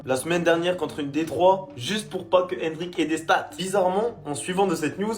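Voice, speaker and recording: A man doing casual football commentary in a slangy, mocking, teasing way. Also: on the high side. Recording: faint music behind the voice.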